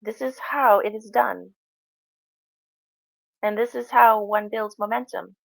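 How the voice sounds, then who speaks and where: Woman as a slow, serene trance-channeled spirit guide. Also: mid-range voice, creaky. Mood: measured, instructive. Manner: trance-channeling seance medium, speaking as "we" in measured, halting phrases. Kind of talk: spiritual channeling session answering questions.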